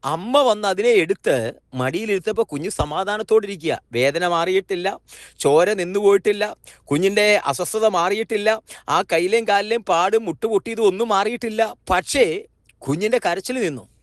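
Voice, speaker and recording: A man's voice: high voice, moderate pace, no room sound, studio quality. A man giving a devotional morning sermon, repeating and restating his phrases with small slips and corrections. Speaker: preacher.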